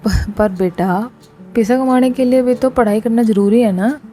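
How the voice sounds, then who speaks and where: Woman doing a gentle village father. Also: fairly high pitch, moderate pace, faint music behind, natural voice. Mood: coaxing. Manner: coaxing and soft-spoken.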